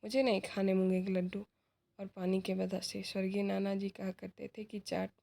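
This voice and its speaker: A woman's voice: medium pitch, level tone, moderate pace, gravelly, dark tone. A woman reading aloud the part of a strict, orderly mother who scolds her household. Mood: stern. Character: strict, orderly mother, prim older sister.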